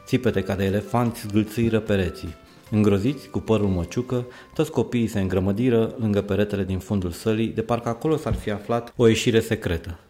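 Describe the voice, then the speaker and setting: Faint music plays softly beneath a man with a fairly low voice as he reads a children's story aloud in a lively, expressive way.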